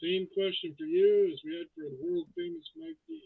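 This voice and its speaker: A man's voice: high voice, big pitch swings, brisk, creaky, a crowd in the background. A man hosting a casual chat, his voice muffled and hollow as if talking inside a fishbowl. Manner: loose, joking, swears casually. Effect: muffled, hollow audio like talking inside a fishbowl. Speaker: host. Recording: muffled, tinny phone-like line.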